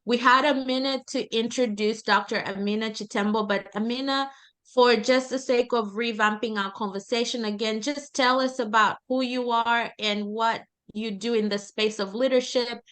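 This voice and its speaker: A woman's voice: fairly high pitch, fairly even intonation, moderate pace, a bit bright, smooth. A woman hosting a panel discussion on leadership, prompting her guests in a friendly way. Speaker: host, moderator.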